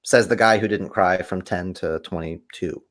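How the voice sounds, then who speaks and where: A man, a podcast guest, telling stories animatedly in conversation and acting out quoted voices with big swings in pitch. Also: normal speed. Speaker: podcast guest, kung fu teacher.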